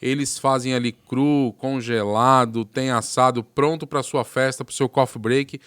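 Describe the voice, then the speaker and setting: A man's voice: medium pitch, steady tone, unhurried, fairly bright tone, clear, resonant tone. A man hosting a podcast, upbeat and promotional, introducing the guest and reading sponsor mentions. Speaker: podcast host.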